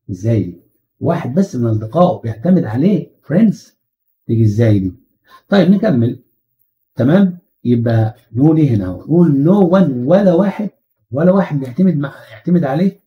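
A man's voice: medium pitch, muffled recording. Egyptian man teaching English grammar. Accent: Egyptian Arabic. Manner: animated, rhetorical questions, slow stressed English phrases. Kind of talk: exam-prep grammar lesson.

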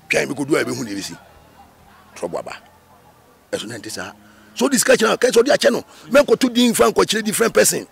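Raspy, gravelly Ghanaian man talking fast. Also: fairly high pitch. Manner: animated, emphatic, with repetitions and sudden sung phrases. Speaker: interviewee, Rastafarian. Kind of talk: casual interview talk.

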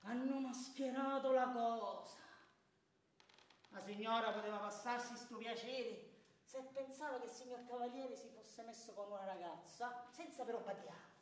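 An amateur stage actor playing Ciampa, a bitter, proud, wronged middle-aged clerk, swinging from hushed to shouting, recorded from afar on an echoey stage. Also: male voice, very high voice, moderate pace, far from the mic. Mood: bitter, pleading. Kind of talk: stage theatre performance. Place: theatre stage. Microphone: distant room mic.

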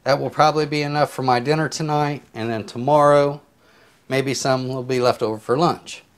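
A man talks through a simple recipe while he cuts and seasons, unhurried and a little rambling. His voice sits in an ordinary middle register, picked up close on a clip-on mic in a home kitchen. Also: medium pitch, clean tone. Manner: relaxed, rambling step-by-step explanations with filler words. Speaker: home cook. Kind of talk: casual cooking tutorial. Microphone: clip-on lapel mic.

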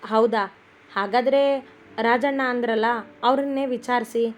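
A woman's voice: on the high side, fairly even intonation, measured pace, soft background music, natural voice. A woman reading an eager, jealous young wife.

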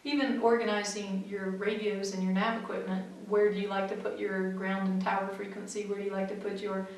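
Speaking fairly quickly in a mid-range voice, a middle-aged woman who teaches flying offers methodical, practical tips to camera. She's seated in front of a backdrop in a small studio, recorded by a far camera mic that makes it all very echoey.

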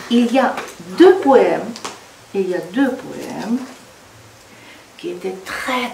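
Slow woman. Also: medium pitch, vocal fry, a little mellow. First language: Russian. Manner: slow, halting, with many fillers. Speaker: guest translator giving a reading talk. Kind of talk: reading talk with audience questions. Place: reverberant room in a château. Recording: echoey room, distant mic, faint noise.

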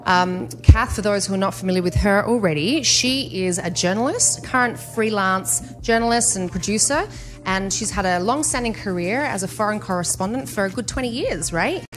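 A woman hosting an interview podcast, upbeat, enthusiastic and jokey, speaking into a studio boom mic. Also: lively intonation, moderate pace, faint music behind. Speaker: podcast host. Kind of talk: casual interview chat. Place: studio with neon-lit backdrop. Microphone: studio mic on boom arm.

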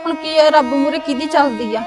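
Actress as a young village daughter-in-law, Malwai Punjabi accent, high bright voice, teasing but caring. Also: female voice, fairly quick, close to an everyday voice. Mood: reassuring. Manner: teasing then reassuring. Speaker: actor in a village short film. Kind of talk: village family drama.

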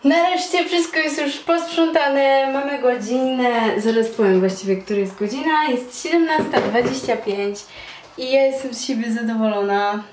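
A woman's voice: high voice, normal speed, slight background noise. Chatty young woman vlogging in an echoey bedroom. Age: young adult. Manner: chatty, self-mocking asides to camera. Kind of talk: casual vlog chat. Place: bedroom at home, indoors. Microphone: camera held at arm's length.

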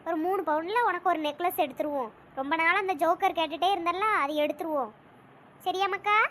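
A woman's voice: extremely high pitch, fairly quick, a bit bright, a little hiss or hum. Woman playing a sly old mother-in-law. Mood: scheming. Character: scheming elderly mother-in-law, boastful and sly.

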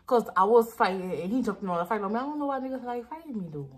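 A woman's voice: on the high side, animated, rapid-fire. A young woman, tipsy and rambling, chatting casually in profane slang and repeating herself as she tells a story. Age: young adult. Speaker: makeup vlogger. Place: small dim room indoors. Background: faint music.

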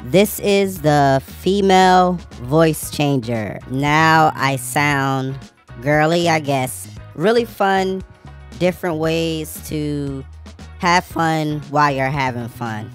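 A man's voice: on the high side, takes it slowly. A man testing a female voice changer filter in a casual, offhand gear demo. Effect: female voice changer filter on a man's voice. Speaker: gear reviewer demoing a mixer. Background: faint music.

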